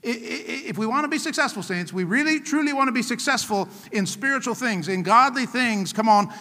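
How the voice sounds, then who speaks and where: A man's voice: very high voice, expressive, a little fast, bright, forceful tone. A man preaching a sermon as pastor, emphatic and rousing, calling out to his congregation. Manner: emphatic call-and-response preaching. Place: church. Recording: church hall reverb.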